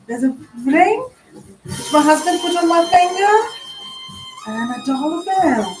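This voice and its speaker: A woman's voice: extremely high pitch, lively intonation, unhurried. A middle-aged woman giving a playful, rambling spoken-word stage performance in a sing-song way. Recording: echoey room from far off with music.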